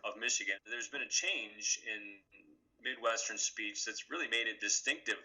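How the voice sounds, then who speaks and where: A man being interviewed as an author, explaining speech habits in a relaxed, conversational way. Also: on the low side, normal speed, rough recording.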